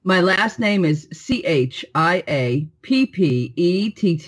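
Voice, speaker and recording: A woman's voice: lowish voice, lively intonation, takes it slowly, slightly rough. A woman from New York, a poet, answering interview questions in a reflective, friendly way. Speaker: poet and author, guest.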